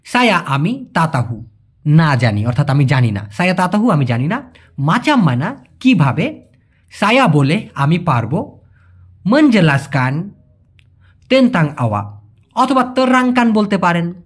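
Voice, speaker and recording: Patient man teaching words, lively pitch. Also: slightly rough. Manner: patient, repeats words slowly to teach them. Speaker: Malay language teacher. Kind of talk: explaining vocabulary to viewers.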